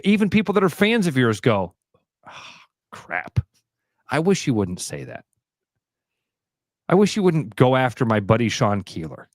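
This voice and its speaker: A man co-hosting a radio show, chatting casually about sports with quick asides and laughs. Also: on the high side, no echo, clean studio sound. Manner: animated, quick asides, laughs while talking.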